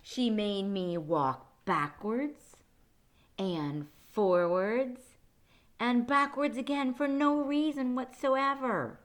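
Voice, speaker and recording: A woman's voice: on the high side, slow, voice pushed up. A woman voicing a small furry male beast in a picture book, aggrieved, emphatic and theatrical. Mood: indignant.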